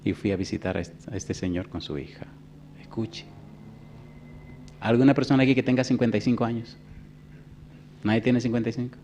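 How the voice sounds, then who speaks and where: A pastor in his fifties preaching a sermon, telling a story in a hushed voice and then rising to loud preaching. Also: medium pitch, a little fast, long pauses, slight background noise. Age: 50s. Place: church.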